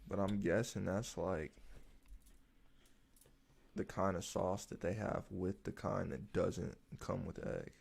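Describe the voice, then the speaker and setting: A man's voice: low voice, fairly even intonation, takes it slowly, vocal fry, long pauses, darkish tone, husky. A man co-hosting a casual podcast chat with slangy, sweary bro banter. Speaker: podcast co-host.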